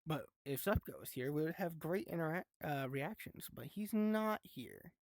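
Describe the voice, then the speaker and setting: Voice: medium pitch, lively intonation, normal speed, no echo. Laid-back game master with a dry, close sound. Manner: laid-back, chatty, laughs often, swears. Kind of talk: running a tabletop game live.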